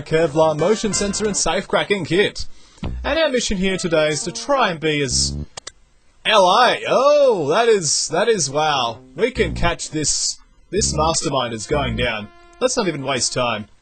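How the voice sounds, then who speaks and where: Young guy doing let's play commentary, lively up and down voice, bit high, faint music and typing behind. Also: moderate pace. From outside the United States. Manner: animated, thinks aloud while playing. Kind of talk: gameplay commentary.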